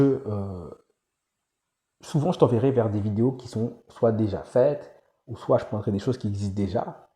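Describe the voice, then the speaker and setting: A man's voice: medium pitch, mellow, echoey room. A man giving a casual, rambling monologue to the viewer for an online course, often repeating himself and restarting phrases.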